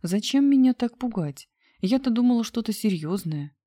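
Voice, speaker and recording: A woman voicing an affectionate, teasing young woman in an audiobook reading, lifting her voice higher for her. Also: expressive, normal speed, warm tone, no room sound, studio quality. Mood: reproachful.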